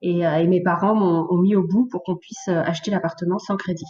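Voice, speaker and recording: A woman in her late thirties, a podcast guest, telling her life story in a lively, casual way with many fillers. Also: fairly low pitch, fast talker, highs cut off, slight background noise. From France, of Portuguese origin. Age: late 30s. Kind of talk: casual conversational interview.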